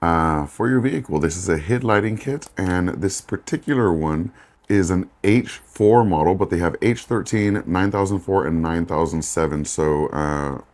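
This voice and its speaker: A man with a low, deep voice presents a relaxed-format ASMR tech unboxing. He talks informally as a product reviewer, in a conversational, self-deprecating way. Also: moderate pace.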